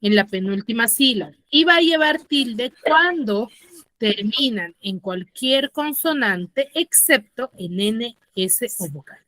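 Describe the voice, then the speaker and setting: A woman's voice: a little high, expressive, takes it slowly, pushed and bright. A woman teaching an online class, explaining step by step and checking in with her students. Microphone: computer mic on a video call.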